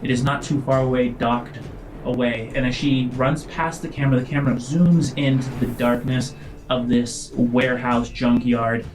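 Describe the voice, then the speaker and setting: Against a noisy background, a man with a medium-pitched voice, fairly even intonation and moderate pace hosts a tabletop role-playing podcast. As game master, he narrates and chats informally, speaking directly to listeners.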